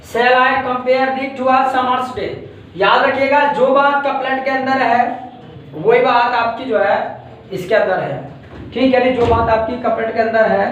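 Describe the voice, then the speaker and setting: A man's voice: high voice, muffled recording, a little hiss or hum. An Indian man teaching a class, explaining step by step and repeating each point, checking that students follow. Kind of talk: classroom lecture. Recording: very echoey room from far off.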